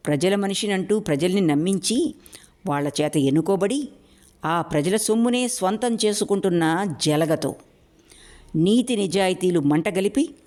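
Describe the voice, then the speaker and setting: A woman's voice: mid-range voice, a little mellow, lightly acted. A woman voicing a fierce, angry young man who roars his lines at a village council meeting. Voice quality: fierce, roaring delivery.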